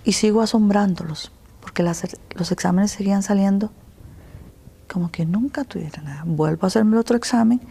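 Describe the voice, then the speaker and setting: A woman with a Costa Rican accent, telling her personal story in an interview, earnest and emotional, at times dropping to a soft whisper. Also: medium pitch, creaky. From Costa Rica. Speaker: interview guest.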